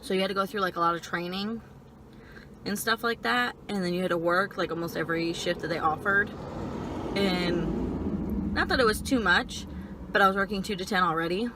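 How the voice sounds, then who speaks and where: A young woman telling personal stories casually while eating and chewing, in halting phrases peppered with "like". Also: medium pitch, noisy background. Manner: frequent filler "like", halting stop-and-start phrasing. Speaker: vlogger. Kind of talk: casual personal storytelling chat.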